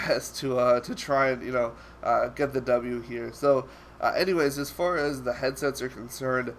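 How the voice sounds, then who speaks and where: A young male gaming YouTuber with a medium-pitched voice, stuffy from a cold, chats casually over gameplay. He rambles with lots of fillers and restarts, and there's a slight hiss or hum.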